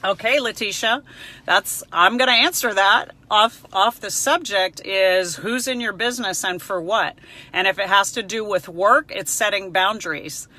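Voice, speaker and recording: A middle-aged native Spanish speaker with a mid-range, bright, forceful voice talks at a moderate pace. She's a counselor answering viewers on a live stream, chatty, personable, emphatic and frank.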